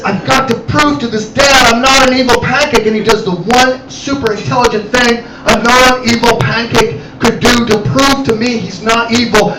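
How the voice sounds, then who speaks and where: A man performing animated stand-up comedy storytelling in a cafe, acting out characters as he goes. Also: extremely high pitch. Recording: echoey cafe room, distant mic, loud noise.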